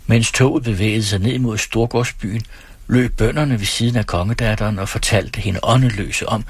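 Low, husky radio storyteller man. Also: no room sound. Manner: calm, measured storytelling. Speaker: radio host reading stories. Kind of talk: reading fiction aloud. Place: radio studio.

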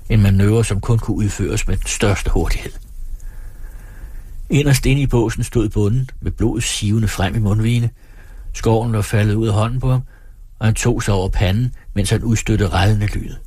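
Male audiobook narrator, husky and low, measured delivery, dry close mic. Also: no room sound. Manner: steady, measured reading.

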